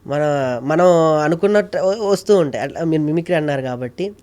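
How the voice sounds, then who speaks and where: A man's voice: on the high side, animated, a little fast, darkish tone. A man speaks in a somewhat raised voice, earnest and emphatic. He talks casually in an interview and repeats phrases to drive a point home. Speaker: guest, mimicry artist and ventriloquist.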